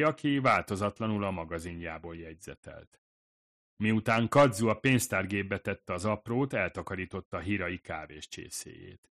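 A man narrating an audiobook in a calm, even storytelling manner. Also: sits low. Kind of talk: scripted narration.

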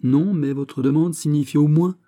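A man's voice: a little high, normal speed, warm tone, voice pushed up, close to an everyday voice. A man reading aloud, voicing a stern middle-aged king with a commanding, raised voice.

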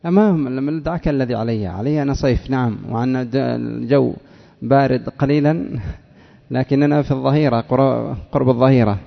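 Brisk and gravelly at medium pitch, this sheikh teaches Arabic grammar to his class, concentrating on morphology. He repeats examples and quizzes students by name. The recording, made in a reverberant hall, is dull and lo-fi.

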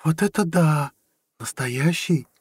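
A man reading an audiobook, voicing a playful, teasing young woman, the narrator's girlfriend, in a lighter, higher voice. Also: brisk, mellow, dry recording, natural voice. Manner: light, teasing, giggly speech.

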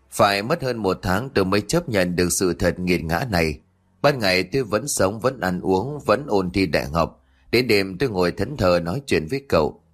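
Male audio-story narrator, low voice, measured and earnest. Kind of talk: scripted narration of a ghost story.

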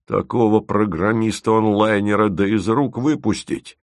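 A man voicing an excitable, pushy male boss who exclaims and shouts. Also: lowish voice, normal speed, dry recording, clean studio sound, natural voice. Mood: excited.

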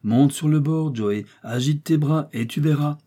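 A man voicing a calm, learned male explorer doctor in an audiobook, explaining in a composed way. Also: a little high, measured pace, voice pushed up. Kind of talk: audiobook character voice.

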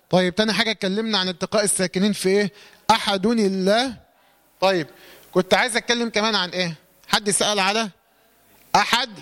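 A man's high-pitched, fairly bright voice leads a tajweed lesson in an Egyptian Arabic accent. He covers the rules of reciting the Quran, raising questions and answering them on his own.

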